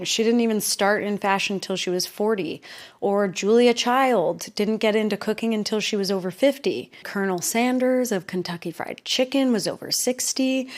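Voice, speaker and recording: A young adult woman giving upbeat, encouraging advice in a playful, chatty vlog. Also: mid-range voice. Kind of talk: casual motivational vlog.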